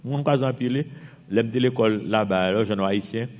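At normal speed and with a slightly mellow voice, a Haitian man with a Haitian French accent reads scripture and preaches. His fervent delivery swings sharply in pitch and force, echoing with long hall reverb.

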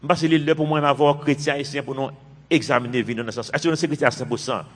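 A man's voice: medium pitch, fairly even intonation, fast talker. A man in his fifties, a pastor preaching a sermon with emphatic, repeated phrases. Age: 50s. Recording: long reverb of a large hall.

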